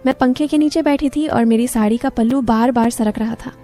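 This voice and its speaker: A woman narrating a first-person story with calm, even pacing. Her voice is fairly high yet mellow and soft-edged. Faint music plays underneath. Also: a little fast.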